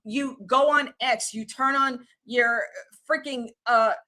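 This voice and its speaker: A woman's voice: a little high, steady tone, slow pace, pushed and bright. A woman, hosting a livestream and ranting in an exasperated, casual, slangy way. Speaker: livestream host.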